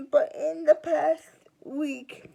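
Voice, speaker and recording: A young woman of twenty confides a personal story to her viewers, her voice high and edged with gravelly fry. She talks slowly and haltingly, restarting words and trailing off into pauses as she works through what she means to say. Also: warm tone, rough recording. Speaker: vlogger. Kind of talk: personal confessional storytime vlog.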